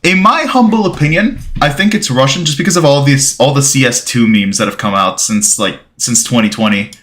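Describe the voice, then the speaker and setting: Bright-voiced Bulgarian-born streamer man. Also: medium pitch, expressive, brisk, slight background noise. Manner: rambling, reads chat aloud, thanks followers. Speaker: gaming livestreamer. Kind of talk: casual livestream chat.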